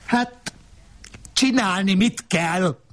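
A man voicing a scornful, sharp-tongued woman who needles with mocking questions in a literary reading. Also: high voice, voice pushed up. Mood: snapping.

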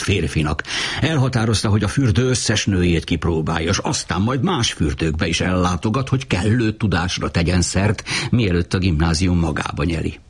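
A man reading a novel aloud as an audiobook narrator, with a measured, rhythmic delivery. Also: low voice, husky.

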